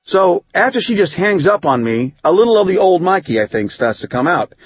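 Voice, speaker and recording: A man reading an audiobook, voicing a rough, hot-tempered recovering drinker who rambles in profane street slang. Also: high voice, sing-song, brisk, no room sound, highs cut off, pitched above the performer's own voice, exaggerated voice. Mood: aggrieved. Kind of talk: audiobook narration.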